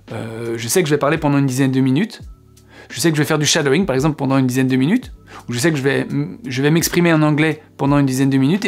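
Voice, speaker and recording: A man giving an explanatory video lesson as an English teacher, patiently repeating words to show how they sound. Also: on the high side.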